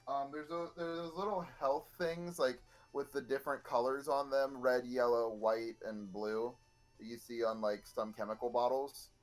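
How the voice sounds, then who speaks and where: A man's voice: medium pitch, steady tone, moderate pace, faint music behind, poor audio. A man on a voice chat with a friend, chatting casually and explaining things while he works.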